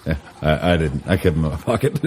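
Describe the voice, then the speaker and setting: A man's voice: rumbling low, sing-song, fairly quick, a little mellow, a little hiss or hum. A man co-hosting a casual podcast, grumbling sarcastically and swearing often. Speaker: podcast co-host. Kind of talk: casual chat.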